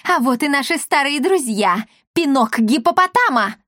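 A shrill, cocky young witch girl in a storybook, bossy and taunting, as a woman puts her on. Her voice jumps well above a plain reading voice and lands a bit louder. It is recorded close and dry. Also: expressive, takes it slowly, no room sound.

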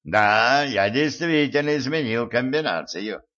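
A man reading an audiobook and voicing a scornful, cool-headed rich man who speaks slowly and mockingly. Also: mid-range voice, expressive, fairly bright tone. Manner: mocking, unhurried, emphatic. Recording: muffled lo-fi recording.

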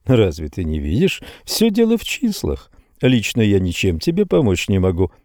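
A man's voice: lowish voice, huge pitch swings, normal speed, darkish tone, dry recording, clean studio sound. A male audiobook reader voicing a sluggish, evasive bond broker who mumbles his answers.

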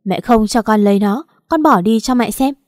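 A woman's voice: a little high, moderate pace, dry recording, studio quality, natural voice. A woman voicing a stubborn young man who talks defiantly and pleadingly in an audio story.

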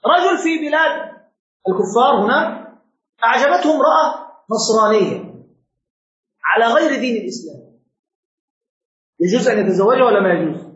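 A man's voice: very high-pitched, lively intonation, a little fast, long pauses, fairly bright tone. A man giving a classroom lecture as a religious teacher, quizzing his students with repeated questions. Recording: very echoey room, dull lo-fi sound.

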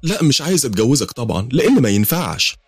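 Scared young college girl in a horror story, acted by a man, husky, raised high, egyptian accent, rapid. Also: big pitch swings, no room sound, studio quality, soft background music. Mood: anxious. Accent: Egyptian Arabic. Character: frightened young woman student, pleading.

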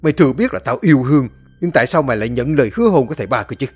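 A man's voice: medium pitch, expressive, rapid-fire, darkish tone, breathy edge, soft background music. A man voicing bitter hot-tempered young disciple Lâm. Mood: resentful. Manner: accusing, harsh and raised.

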